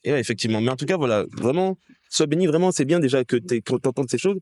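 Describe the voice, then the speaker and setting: Fast-talking earnest young man. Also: medium pitch, expressive, darkish tone, dry recording, studio quality. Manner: earnest, persuasive, fillers "tu vois". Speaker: street evangelist. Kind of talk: casual faith conversation.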